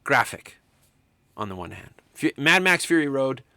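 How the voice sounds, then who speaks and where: A man lecturing on film to students, enthusiastic and emphatic, swinging from quiet remarks to loud excitement. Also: mid-range voice, unhurried, gravelly, no room sound. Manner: enthusiastic, talks to students directly. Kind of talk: recorded lecture.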